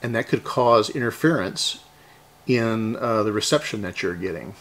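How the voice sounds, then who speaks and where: A middle-aged American man from the Houston area in Texas hosts a hobbyist repair video, chatting casually and explaining things in a folksy, musing way as he thinks aloud. His voice sits on the low side, a bit bright, at normal speed.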